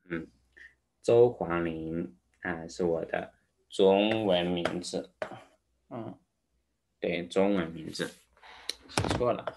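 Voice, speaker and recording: A man teaching Chinese vocabulary, repeating each word slowly and adding English glosses, with a Mandarin accent. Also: deep voice, gravelly, noisy background. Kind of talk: vocabulary lesson.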